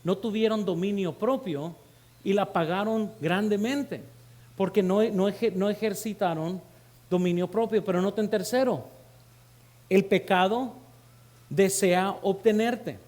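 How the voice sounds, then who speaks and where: A Mexican pastor delivers a sermon in a church, his voice sitting notably high for a man. He speaks straight to the congregation, calling them brothers and putting questions to them. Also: measured pace, darkish tone.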